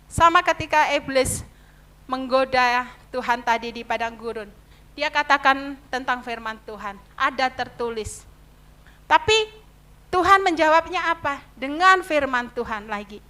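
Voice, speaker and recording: A middle-aged woman from Indonesia preaching a sermon in a church, earnest and animated, weaving in personal stories. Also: sits high, a little slow. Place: church sanctuary.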